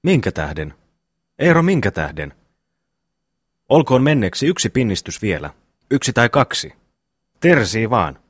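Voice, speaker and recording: A man reading the part of a slow, good-natured young brother in an audiobook, plodding and homely. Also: mid-range voice, big pitch swings, breathy edge, no room sound, clean studio sound.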